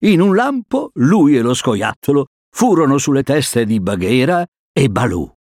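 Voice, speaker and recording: A man reading a storybook aloud to children in an animated, sing-song way. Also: mid-range voice, measured pace, dry recording, studio quality. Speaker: narrator.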